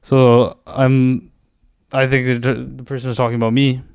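A young man with a western Canadian accent and a clear, mid-pitched voice, recorded dry. He co-hosts a podcast, talking in loose slang with easy swearing as he goes through comments. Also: little pitch movement, unhurried, a little mellow, no room sound. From Surrey, British Columbia, Canada. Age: young adult. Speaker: podcast co-host. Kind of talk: casual chat, reading out comments.

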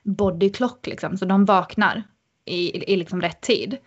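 A woman voicing a loud, brusque, controlling host mother who shouts her words. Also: slightly rough, highs cut off, close to an everyday voice. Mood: dismissive. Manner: shrill, shouting.

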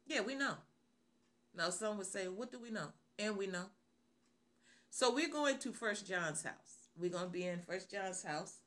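A middle-aged woman preaches on the radio in an animated, slightly bright medium-pitched voice at a measured pace. She opens with prayer, then poses rhetorical questions and repeats phrases.

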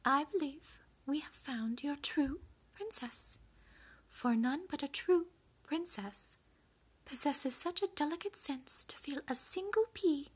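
A woman voicing a regal older queen, sly and knowing, in a soft, high whisper for an ASMR story.

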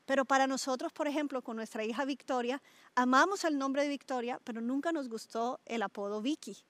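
Lively woman pastor. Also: high-pitched, brisk, no room sound. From Colombia. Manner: animated, asks listeners questions, stretches words for emphasis. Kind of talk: conversational sermon to a small group.

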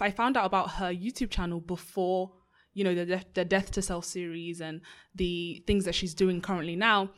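A woman's voice: medium pitch, fairly bright tone. A young woman hosting a faith podcast, talking in an upbeat, casual way with frequent praise. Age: young adult. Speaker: podcast host.

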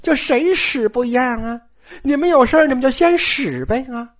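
A storyteller voicing a sly, smooth-talking noblewoman who runs a great household, with a lively, raised voice. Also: sits high, normal speed, voice pushed up. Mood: coaxing. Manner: sweet-talking, coaxing, then sharp and scolding. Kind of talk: storyteller acting a character.

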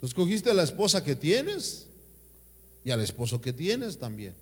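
A man's voice: on the high side, huge pitch swings, moderate pace, breathy edge. A man, a pastor delivering an emphatic sermon with call-and-response. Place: church. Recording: reverberant church hall.

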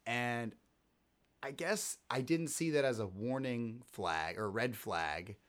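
Speaking slowly in a mid-range voice, this scratchy-throated podcast host chats about sports in a casual way. His talk wanders, with frequent self-interruptions and restarts.

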